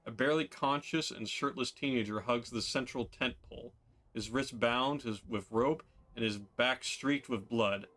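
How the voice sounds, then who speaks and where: A man's voice: mid-range voice, moderate pace, a bit bright. A man narrating a tabletop game as game master in a casual style, with fillers and laughs.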